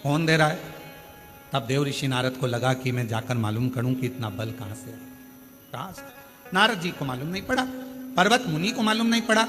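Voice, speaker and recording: A man's voice: medium pitch, expressive, fairly quick, fairly bright tone. A man with a Madhya Pradesh Hindi accent preaching a live devotional sermon, hammering home points with repeated rhetorical questions. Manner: emphatic, repetitive rhetorical questions to the audience. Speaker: katha preacher. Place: large outdoor katha pandal. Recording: long hall reverb with faint music.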